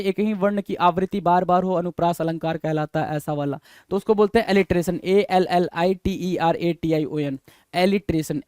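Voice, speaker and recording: High-voiced man teaching vocabulary. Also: darkish tone, clean tone, dry recording. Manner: addresses listeners as "bhai". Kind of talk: exam-prep vocabulary lesson.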